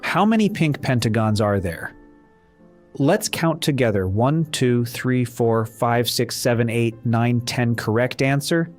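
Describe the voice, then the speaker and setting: A man leading a counting lesson for young children, asking how many shapes there are and counting them aloud one by one. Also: mid-range voice. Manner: slow, sing-song counting with questions and answers. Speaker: children's math teacher. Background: faint background music.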